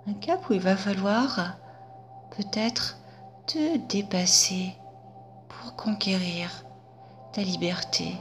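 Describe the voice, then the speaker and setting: A woman voicing a kindly wise sage in a guided hypnosis story, speaking gently in a half-whisper. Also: mid-range voice.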